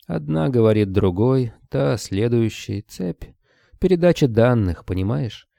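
A man's voice: mid-range voice, lively intonation, a little slow, creaky, mellow, dry recording, studio quality, pitched above the performer's own voice. A man doing a hissing giant rat. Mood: calm. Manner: hissing, rustling, clipped short phrases. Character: huge calm male rat creature, terse.

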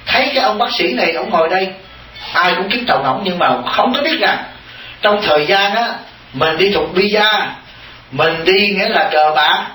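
A male Buddhist monk giving an animated, teasing dharma talk, often turning to his audience with questions. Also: sits high, far from the mic, slight background noise. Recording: echoey hall from off-mic.

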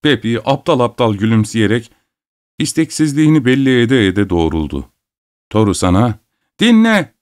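A man narrating an audiobook in a measured, expressive storytelling manner. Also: fairly low pitch.

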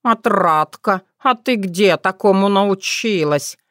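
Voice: mid-range voice, slow pace, a bit bright, no echo, clean studio sound. A reader doing a wary, nosy talking cat.

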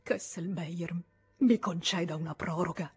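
A woman voicing a desperate male merchant with a weak, shrill voice. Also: measured pace, soft background music, close to an everyday voice. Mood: pleading. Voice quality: thin, shrill voice.

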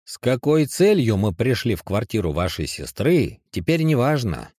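A man's voice: medium pitch, big pitch swings, normal speed, a little mellow, no echo, clean studio sound, voice pushed up. A man voicing a stern, weary male police lieutenant speaking in an official tone.

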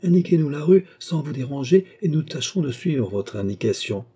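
A man voicing a brisk, imperious noblewoman. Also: fairly high pitch, sing-song, dark tone, breathy edge, voice pushed up. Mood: amused, firm. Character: lively noblewoman around thirty, commanding.

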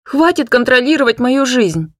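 A woman reading an audiobook, voicing a defiant eighteen-year-old girl who shouts at her parents. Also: high voice, big pitch swings, normal speed, no echo, clean studio sound, voice pushed up, exaggerated voice. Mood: furious shouting. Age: teens.

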